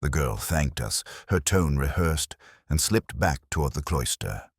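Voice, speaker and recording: In scripted first-person audio drama, a male narrator plays a weary, razor-minded middle-aged English police inspector recounting his case. His extremely low, husky voice swings expressively in pitch with a measured, brooding, literary delivery, heavily acted in a reflective mood. The recording is close and dry, with no echo.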